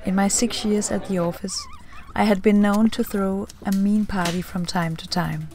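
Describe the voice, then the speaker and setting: A woman narrating a sailing vlog in a warm, reflective voice-over. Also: mid-range voice, steady tone, normal speed, a faint crowd, slight background noise. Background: music.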